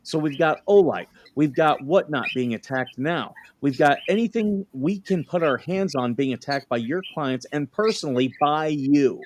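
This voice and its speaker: A man's voice: a little high, expressive, moderate pace, hardly any pauses, slight background noise, natural voice. A man playing a defensive, indignant plaintiff in a dramatic deposition reading, with hammy, sarcastic emphasis. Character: defensive, indignant male plaintiff under questioning.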